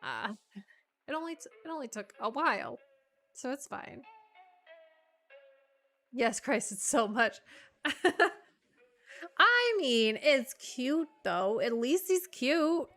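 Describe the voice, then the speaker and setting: Bright-voiced young woman cooing at her dog. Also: high voice, lively intonation, takes it slowly, long pauses, soft background music. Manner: laughs often, coos praise at her dog. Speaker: live streamer. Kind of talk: casual stream chat. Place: at home. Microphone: desk streaming mic.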